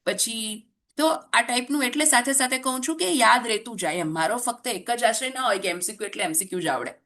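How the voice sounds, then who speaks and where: A woman's voice: on the high side, brisk, fairly bright tone. A woman teacher, running a chatty, joking exam revision lesson full of rhetorical questions.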